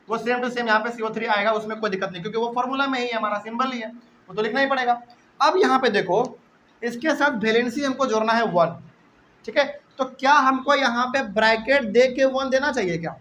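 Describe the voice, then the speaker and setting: Male teacher, young, very high bright voice, classroom lecture, repetitive and drawn-out, faint room noise. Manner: repetitive, drawn-out, checks in with students. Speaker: chemistry teacher. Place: classroom with live and online students.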